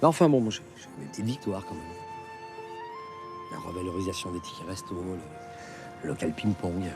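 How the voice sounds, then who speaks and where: An actor playing a mischievous middle-aged union delegate in a film comedy, rambling and grumbling with self-importance. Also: male voice, sits low, expressive, fairly quick, over music.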